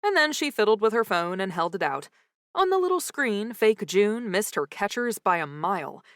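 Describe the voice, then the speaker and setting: A woman narrating a comic mystery audiobook in first person with lively, wry storytelling, close to the mic. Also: mid-range voice, moderate pace, no echo.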